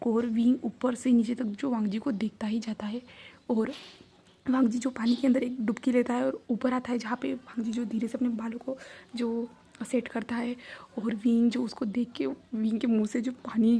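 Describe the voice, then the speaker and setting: Soft-spoken woman retelling a romance story. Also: on the high side, husky. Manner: soft, half-whispered, rambling retelling.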